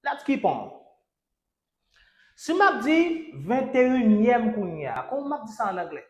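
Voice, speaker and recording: A man's voice: very high-pitched, very animated, unhurried, darkish tone. A man with a Haitian accent teaching an English lesson. He drills each word by repeating it three times, spells out letters, and urges his class on with "let's go". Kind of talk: language lesson. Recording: echoey room.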